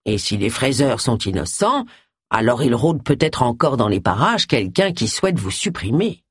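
A reader lowering their voice for a cautious older man. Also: very animated, normal speed, husky, dry recording, clean studio sound. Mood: worried. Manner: hesitant, apprehensive. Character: older male friend, cautious and worried.

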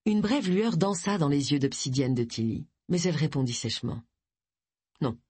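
A narrator reading a mystery novel with plenty of melodic movement and a husky, breathy texture. The sound is close and dry, like a studio audiobook. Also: medium pitch, lively intonation, a little fast, darkish tone, dry recording. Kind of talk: scripted narration of a crime novel.

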